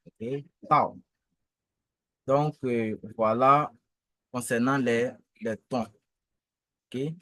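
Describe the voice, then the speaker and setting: A male teacher walks through tones one syllable at a time. He speaks slowly and patiently, with a repeated, drilling manner. His voice sits in a dry, close space with no reverb. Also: mid-range voice, fairly even intonation, pushed and bright. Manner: patient, repeats each syllable several times. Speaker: language teacher.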